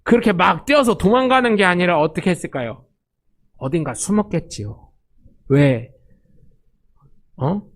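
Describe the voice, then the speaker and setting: High-voiced pastor preaching a sermon. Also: male voice, normal speed, long pauses. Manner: storytelling, animated, acts out quotes.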